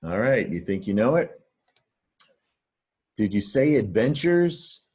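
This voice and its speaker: A man's voice: lowish voice, very animated, slow pace, darkish tone, husky. A man teaching a reading lesson, patient and encouraging as he explains words step by step. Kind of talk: friendly reading lesson to camera.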